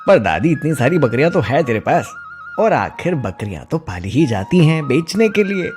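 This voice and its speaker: A man's voice: on the high side, big pitch swings, normal speed, a little mellow, faint music behind. A man voicing a greedy, scheming young man who coaxes and schemes in a cartoon story. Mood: coaxing. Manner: coaxing, sly.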